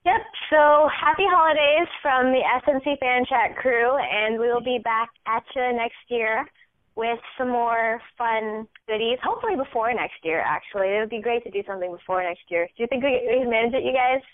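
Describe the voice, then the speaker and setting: A woman's voice: a little high, fairly quick, no room sound. Bubbly woman on a phone-thin line. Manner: bubbly, giggly. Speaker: podcast co-host. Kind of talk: casual podcast chat. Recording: tinny phone-line sound, dry.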